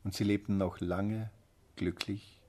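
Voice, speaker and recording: A man narrating a fairy tale in a calm, steady storytelling manner, with a husky voice. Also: lowish voice, unhurried.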